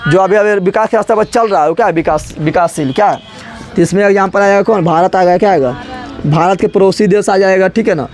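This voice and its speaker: A young man teaching a class, repeating each point and constantly firing quick questions back at his students. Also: high-pitched, a little mellow, faint music behind. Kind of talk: classroom lecture.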